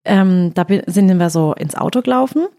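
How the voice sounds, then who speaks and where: A woman's voice: lowish voice, animated, normal speed, warm tone. A woman telling a story in casual chat, quoting her own words as she goes.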